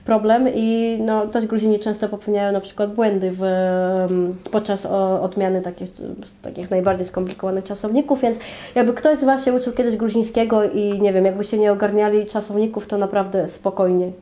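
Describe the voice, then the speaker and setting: Young woman, Georgian accent, guest explaining, mellow warm tone, thoughtful pauses, small indoor room. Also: medium pitch, flat delivery. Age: young adult. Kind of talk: explaining language to viewers.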